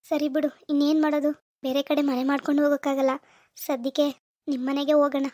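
A woman's voice: high voice, level tone, fast talker, darkish tone, dry recording, studio quality, close to an everyday voice. A woman voicing a worried, regretful young husband in a cartoon. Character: remorseful young husband Satish.

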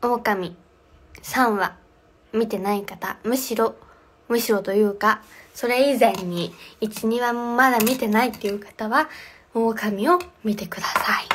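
A woman's voice: a little high, fairly even intonation, unhurried, a little hiss or hum. A young woman casually chatting on a phone livestream from home, reading viewer comments aloud and answering them. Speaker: livestream host. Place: home, indoors.

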